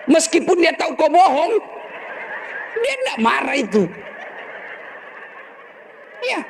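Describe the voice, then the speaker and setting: A man's voice: very high-pitched, big pitch swings, slow pace, gravelly, background noise. A middle-aged man, preaching a humorous sermon, joking and acting out husband and wife voices.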